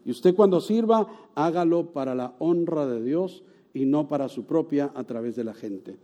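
Dark-voiced Spanish-speaking preacher, animated. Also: male voice, on the high side, normal speed. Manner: storytelling, animated, with sudden loud exclamations. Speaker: pastor. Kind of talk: sermon.

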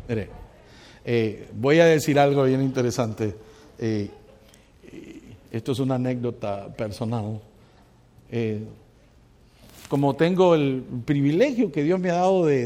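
A male pastor preaching a sermon with lively energy, often asking the congregation questions and telling personal anecdotes. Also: mid-range voice. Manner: animated, asks the congregation questions, tells anecdotes. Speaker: pastor and counselor.

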